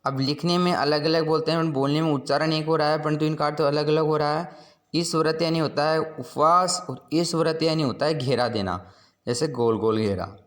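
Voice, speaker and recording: A man's voice: on the high side, steady tone, normal speed, fairly bright tone. Patient male teacher explaining vocabulary. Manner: patient, explanatory, repeats each meaning. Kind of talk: classroom lesson explaining word pairs.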